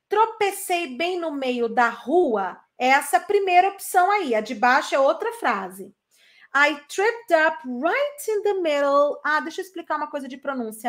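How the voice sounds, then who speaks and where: A woman teaching English in a live online lesson, chatting energetically and then saying model phrases slowly for students to repeat. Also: sits high.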